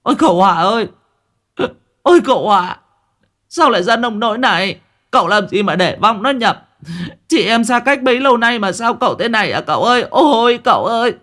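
A man's voice: high voice, animated, normal speed, pitched above the performer's own voice. A man voicing a theatrical, nosy middle-aged village woman, who talks in a stretched, sing-song wail. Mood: wailing lament.

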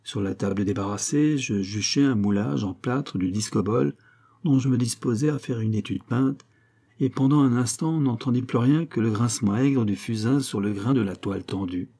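A man reading a classic story aloud in a lively, expressive narration. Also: medium pitch, normal speed. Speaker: audiobook reader. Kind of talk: scripted literary narration.

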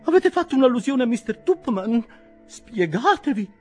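A man reading an audiobook, voicing a tearful, querulous middle-aged spinster aunt in a high falsetto. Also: very animated, normal speed, soft background music, heavily acted. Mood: pleading. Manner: querulous, pleading.

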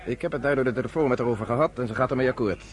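In a Dutch radio play, an actor portrays an earnest, self-assured young man of the underground who explains things in a measured way. His voice is natural and mid-range.

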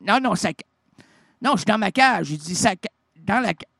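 A man with a Québécois accent doing an absurd comic radio monologue, excitable and rambling, stumbling over words as his pitch swings wildly. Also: moderate pace, gravelly, dry recording, studio quality. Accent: Québécois French.

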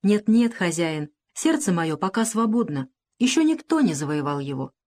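A woman reading the part of a gentle, devout young enslaved woman in an audiobook, with a tremulous, pleading delivery. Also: on the low side, very animated, moderate pace.

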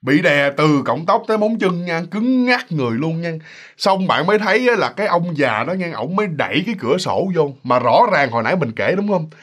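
A man's voice: fairly high pitch, fairly quick. A man telling a ghost story in a chatty way, speaking straight to his listeners and acting out the characters. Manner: chatty and animated, addresses listeners directly, acts out voices.

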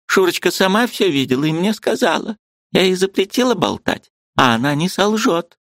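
A man voicing a sharp-tongued, agitated old woman who scolds her niece sarcastically. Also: sits high, sing-song, normal speed, gravelly, dry recording, clean studio sound, voice pushed up, exaggerated voice. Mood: scolding. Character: sharp-tongued old aunt, gruff yet loving woman.

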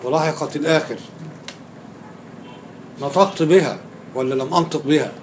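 A man's voice: fairly high pitch, normal speed, a little mellow, a little hiss or hum. A man with an Egyptian Arabic accent lecturing on grammar in a classroom, quizzing his students and repeating key words for emphasis.

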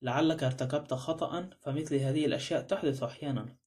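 A blunt ex-detective, voiced by a man reading a mystery novel aloud, prying and suspicious. His lines come fast, carried by a mellow, dark tone. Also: on the high side, lightly acted. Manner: blunt, probing.

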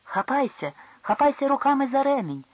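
A stern man's voice barking orders, pitched high and loud in alarm, as a reader puts him on. The delivery is husky, in a dry, slightly dull lo-fi audiobook recording. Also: animated, moderate pace, dry recording. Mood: frantic. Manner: sharp commanding shouts. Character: anxious older companion, stern then frantic.

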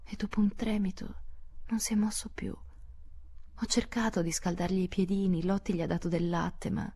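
A woman reading an audiobook, voicing a gentle, shy teenage girl in a soft, near-whispered voice. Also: mid-range voice, steady tone, a little fast, creaky, slightly rough, voice pushed up. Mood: sorrowful. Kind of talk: audiobook character voice.

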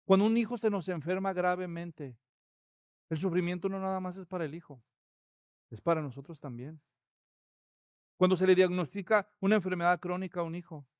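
A man preaching a sermon, expressive and rising to loud, emphatic quotes. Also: high voice, no room sound, dull audio.

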